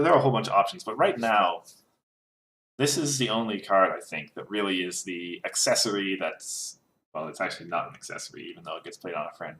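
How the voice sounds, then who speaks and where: A man's voice: fairly low pitch, a bit bright. A man co-hosting a casual card game podcast, talking with lots of fillers and restarts. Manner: hesitant, many fillers and restarts. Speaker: co-host. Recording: roomy echo.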